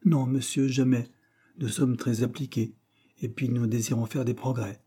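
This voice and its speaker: A man's voice: medium pitch, steady tone, normal speed, warm tone, slightly rough. A man voicing an earnest, polite schoolboy who speaks eagerly and respectfully.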